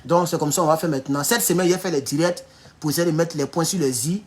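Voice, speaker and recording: Animated Ivorian French man livestreaming. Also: quick pace. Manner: animated, laughs often, mocking asides, swings from low mutters to loud outbursts. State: sore back. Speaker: online political commentator. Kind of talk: casual livestream talk reading viewer comments.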